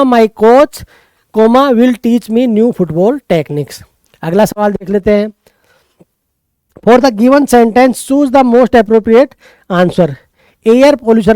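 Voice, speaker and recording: A man's voice: very high-pitched, a little mellow, smooth, no room sound. A man with a Rajasthani Hindi accent, walking through an exam paper as a tutor and answering his own quiz questions. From Rajasthan, India. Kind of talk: exam paper walkthrough lesson.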